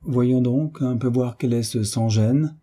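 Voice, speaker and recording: A man reading an audiobook and voicing a pompous, fussy middle-aged landlord, slightly higher than his narrating voice. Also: slow, warm tone, breathy edge. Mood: indignant. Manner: indignant, fussy.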